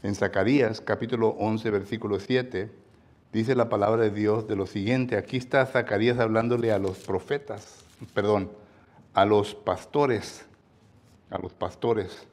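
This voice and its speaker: A man with a Mexican Spanish accent preaching a sermon, talking in a chatty way with frequent tag questions and loud stressed emphasis on scripture. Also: fairly low pitch, fairly even intonation, a little slow.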